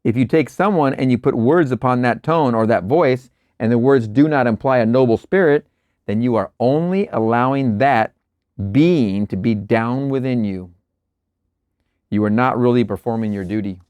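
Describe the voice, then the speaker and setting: A man hosting a show, reading spiritual lecture passages aloud in a measured, deliberate way and breaking off for relaxed asides and quiet chuckles. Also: medium pitch, clean tone, dry recording, dull audio. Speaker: host reading and explaining lectures. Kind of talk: reading aloud with casual commentary.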